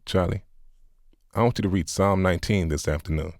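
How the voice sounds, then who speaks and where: This is a seasoned pastor, patient and compassionate, who steers a hurting friend with firm words and wry, teasing questions, voiced by a man. His voice sits a touch higher than the narrator's and is recorded close and dry. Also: a little fast, vocal fry, no room sound. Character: patient older male pastor, gently sarcastic.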